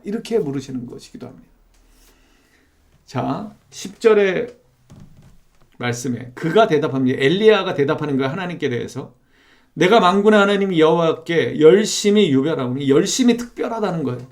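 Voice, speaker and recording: A male pastor preaching an expository sermon in a church, reading scripture aloud and asking the congregation questions. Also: high-pitched. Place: church sanctuary.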